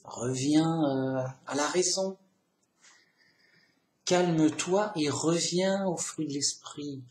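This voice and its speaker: A man giving an informal sermon, emphatic and repetitive, sometimes acting out an angry or calmed-down person. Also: on the high side, reverberant, a little hiss or hum. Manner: acts out angry and calm speakers, emphatic lists. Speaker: lay preacher.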